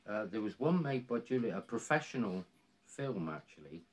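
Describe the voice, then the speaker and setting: Low-voiced Cornish man in his sixties. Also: sing-song, moderate pace. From Cornwall, England. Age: 60s. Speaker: interviewee, volunteer woodland ranger. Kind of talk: casual conversational interview.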